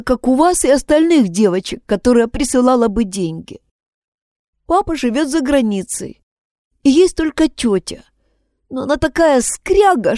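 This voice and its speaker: A woman's voice: high voice, a little mellow, no room sound, studio quality, pitched above the performer's own voice. A woman reading an audiobook, voicing a distraught teenage schoolgirl who pleads and sobs. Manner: pleading, sobbing outbursts.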